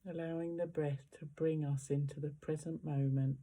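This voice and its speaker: In a mid-range, level voice, a meditation guide offers gentle, unhurried instructions, leaving long pauses between phrases.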